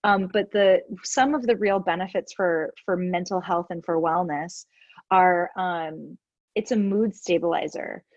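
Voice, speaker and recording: A woman's voice: fairly low pitch, measured pace, no echo, muffled recording. A woman with a stuffed-up nose, casually explaining breathing exercises step by step with lots of "like" fillers. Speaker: yoga teacher guest. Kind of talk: casual instructional chat.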